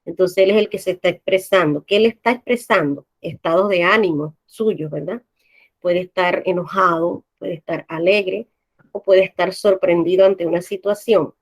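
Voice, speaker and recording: A woman's voice: fairly low pitch, normal speed. A woman teacher with a Panamanian accent, patiently explaining a language lesson and often checking with her class by asking "right?".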